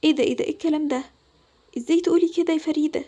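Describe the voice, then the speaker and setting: A caring, soothing mother, as a woman with an Egyptian Arabic accent puts her on for a toy-game story. The voice sits very high yet sounds dark and mellow, and the words come out at a rapid clip. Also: natural voice. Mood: alarmed. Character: caring patient mother of two girls.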